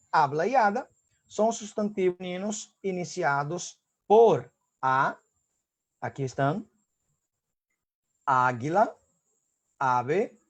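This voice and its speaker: Slow-talking Brazilian male teacher. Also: sits high. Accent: Brazilian Portuguese. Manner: explains step by step, checks in often with students. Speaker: Spanish teacher. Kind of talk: online class lecture.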